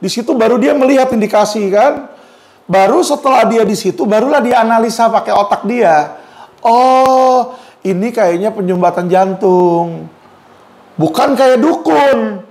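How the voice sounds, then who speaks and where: A man's voice: extremely high pitch, lively intonation, moderate pace, a little mellow. A man gives blunt legal commentary. He talks straight at his viewers in a combative, mocking tone. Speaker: lawyer giving legal commentary.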